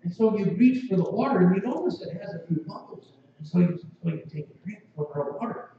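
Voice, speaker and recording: Brief: male pastor, higher voice, mellow tone, vivid storytelling sermon, distant echoey church sound. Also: expressive, quick pace, highs cut off. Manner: vivid, second-person storytelling with acted quotes. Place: church sanctuary.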